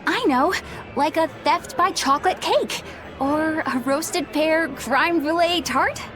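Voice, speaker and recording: An actress playing a gentle, polite young female traveller in a video game. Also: high voice, slow, over music. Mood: kind, encouraging.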